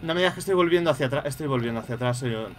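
A man's voice: medium pitch, animated, very fast, slight background noise. A young man with a Spain Spanish accent giving casual, profanity-laced commentary while playing a horror game, yelping when startled. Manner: swears freely, yelps when startled. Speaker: gaming streamer.

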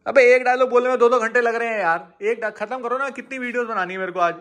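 A man's voice: very high voice, quick pace, a bit bright. A man vlogging casually, bossy and exasperated as he directs repeated takes. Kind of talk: casual vlog banter.

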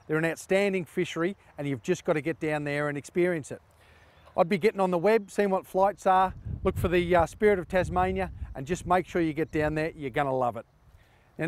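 A middle-aged man hosting a fishing show outdoors, chatting in a relaxed, enthusiastic way to camera. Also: on the high side. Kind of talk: casual presenting to camera. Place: outdoors by a river. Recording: outdoor talk with loud music behind.

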